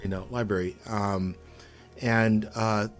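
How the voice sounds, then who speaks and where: Halting low-voiced man co-hosting. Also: fairly even intonation, faint music behind. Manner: hesitant, halting, many ums. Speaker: co-host developer. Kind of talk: casual chat.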